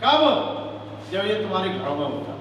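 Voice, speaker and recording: High-pitched man speaking from a stage. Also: sing-song, moderate pace, a bit bright, slight background noise. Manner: rhetorical, keeps asking the crowd questions. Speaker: public speaker. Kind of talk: speech at a public event. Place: stage at an outdoor or hall gathering. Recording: echoey hall sound from far off.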